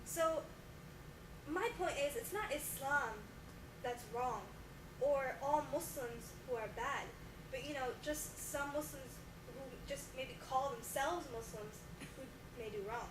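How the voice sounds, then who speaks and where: Speaking a little slowly in a high voice, a young adult woman takes the guest role in a homemade mock talk show, playing an earnest scientist and exhibit creator who explains things. The sound is noisy, echoey and distant.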